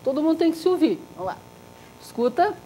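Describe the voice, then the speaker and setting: A woman teacher leading a live Suzuki violin workshop, lively and demonstrative, chanting body parts in rhythm with the group. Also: fast, faint music behind. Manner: lively and demonstrative, drops to a soft low voice to make a point. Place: workshop room with a group of students.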